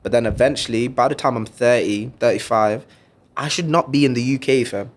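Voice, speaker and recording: A man's voice: medium pitch, brisk. Young man, podcast host, laid-back, slangy, casual chat. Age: 20s.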